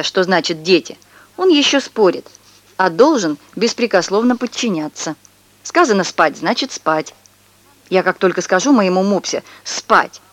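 A woman voicing a fussy, high-strung middle-aged neighbor who fusses over her dog, in a shrill, squealing voice, for an audiobook. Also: no echo, lightly acted. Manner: indignant, high-strung, scolding. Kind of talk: audiobook character reading.

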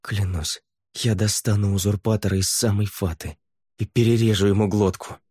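Мужчина-чтец играет испуганного, измученного виной беглеца, который говорит напряжённо и сбивчиво. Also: male voice, on the low side, steady tone, normal speed, a little mellow, slightly rough, no room sound, clean studio sound, voice pushed up. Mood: determined. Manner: hesitant, strained. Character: frightened, guilt-ridden runaway man, a father.

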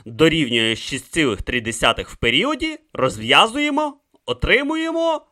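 A man's voice: fairly high pitch, very animated, moderate pace, pushed and bright, voice pushed up. A man voicing a brilliant male camel mathematician who mutters calculations to himself in an audiobook reading. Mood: calculating.

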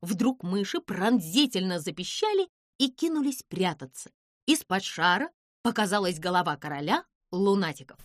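A woman narrating a children's audiobook in a slow, expressive storytelling manner. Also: mid-range voice, dry recording, clean studio sound.

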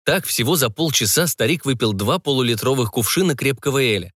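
A man narrates a fantasy audiobook with expressive, animated pitch. His voice sits in a middle range. The close-miked recording is dry. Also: brisk, no room sound. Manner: expressive storytelling.

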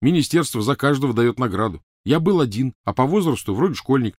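A man voicing a teenage boy wizard who pleads loudly, blusters and tries clumsy jokes. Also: medium pitch, lively intonation, a little fast, no echo, clean studio sound, pitched above the performer's own voice, natural voice. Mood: explaining. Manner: loud, pleading, clumsy joking.

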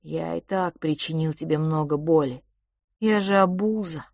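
A woman's voice: deep voice, moderate pace, vocal fry, a little mellow, dry recording, studio quality. A woman voicing Philipp, a frail and sickly boy who speaks bitterly and wearily, with sighs. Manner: bitter, sighing, subdued.

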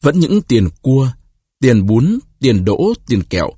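A male narrator reads a short story aloud, his pitch rising and falling freely as he tells it. His voice is husky, and the recording is close and dry, with no room sound at all. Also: slow, no room sound. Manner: expressive storytelling. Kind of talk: audiobook reading of a short story.

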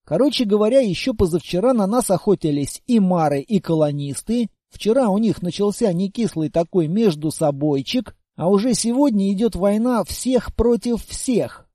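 A man narrating a first-person audiobook in a steady, even-paced reading. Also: sits high, normal speed, hardly any pauses, no echo, clean studio sound.

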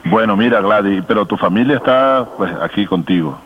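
A radio host with a Venezuelan accent runs a call-in chat in a warm-hearted, chatty, joking way. His voice is fairly low and brisk. The broadcast sounds phone-like, with background noise.

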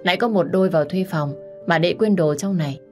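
A woman playing a young male receptionist, polite and gentle, talking quickly, with faint music behind. He is a figure in a spoken story. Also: lowish voice, close to an everyday voice.

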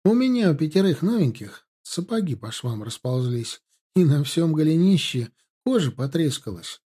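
A man's voice: on the high side, sing-song, normal speed, warm tone, slightly rough, pitched above the performer's own voice. A man voicing a male army officer who grumbles in an indignant, folksy way.

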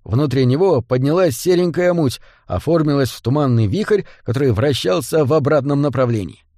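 A man narrating an audiobook in a steady, even reading voice. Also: mid-range voice, moderate pace, no room sound, clean studio sound. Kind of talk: scripted narration.

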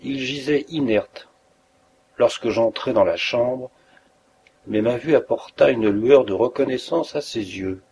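A man reading a detective story aloud as an audiobook narrator, in a measured storytelling manner. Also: medium pitch, darkish tone, slight background noise.

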